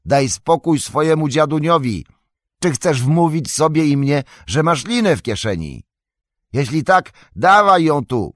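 A man voicing Frodo, a shaken male hobbit shouting up from a rock ledge in a high, strained, loud voice. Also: big pitch swings, a little slow, no echo, clean studio sound. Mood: impatient. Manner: strained, calling out from below. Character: hobbit man, frightened then recovering, blinded on a ledge.

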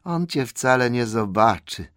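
A man voicing a wretched, scheming creature in an audiobook, with a whiny, croaking, hissing voice. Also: mid-range voice, lively intonation, unhurried, a bit bright, no room sound, studio quality. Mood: wailing. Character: wretched slimy creature, whining, scheming, obsessive. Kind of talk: audiobook character voice.

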